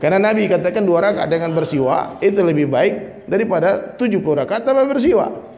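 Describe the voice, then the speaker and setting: A man's voice: high-pitched, animated, fairly quick, a little mellow. A man preaching a dawn sermon in a conversational way, often addressing listeners directly, joking and mimicking people. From Minangkabau, West Sumatra. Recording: faint noise, long hall reverb.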